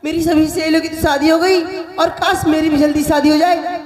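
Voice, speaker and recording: Stage play: a performer as a lonely young woman, plaintive, high, roomy live sound. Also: flat delivery, a little fast, natural voice. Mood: wistful. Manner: wistful, complaining. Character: young unmarried woman longing to be married. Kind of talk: live folk stage acting. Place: outdoor fair stage. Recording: echoey live stage with loud music.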